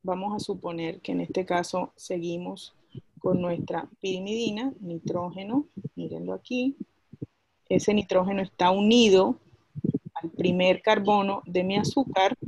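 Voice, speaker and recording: A woman's voice: lowish voice, steady tone, a little slow, creaky, a little mellow, slightly rough, dry recording, dull audio. A woman teaching a class, explaining a chemistry lesson step by step and asking her students questions as she goes.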